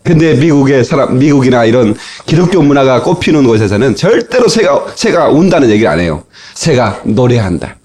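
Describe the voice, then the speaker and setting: A man preaching a sermon as pastor, telling stories with lively asides and sudden shouted exclamations, heard from an old cassette tape. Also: medium pitch, fairly quick, hardly any pauses, slightly rough. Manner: animated storytelling with shouted exclamations.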